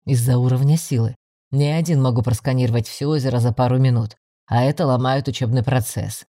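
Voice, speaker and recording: A man voicing a calm young mage student. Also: medium pitch, fairly quick, no echo, clean studio sound, close to an everyday voice. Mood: patient explaining. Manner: calm, explanatory, gently teasing. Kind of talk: audiobook dialogue reading.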